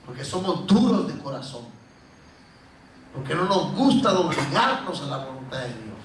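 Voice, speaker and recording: A middle-aged man preaching a sermon as pastor, telling stories in an animated way and acting out pleading voices. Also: on the high side, moderate pace, slight background noise. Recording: roomy echo from a distance.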